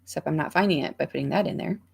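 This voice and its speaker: Hosting a focus livestream, a woman reads viewers' comments out loud and chats casually, with plenty of ums and restarts. Her voice is low-pitched, gravelly and slightly rough, and she talks rapid-fire.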